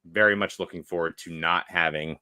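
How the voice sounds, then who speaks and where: A young man with a low, bright-edged voice hosts a casual livestream podcast, loudly joking and shouting out viewers in the chat. His sound is dry and close on a desk streaming mic. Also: steady tone, a little fast, smooth, no echo. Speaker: podcast co-host.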